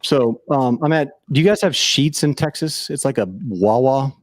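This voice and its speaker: A man's voice: mid-range voice, normal speed, no echo. A man telling a personal story on a casual podcast, earnest and rambling, with frequent restarts.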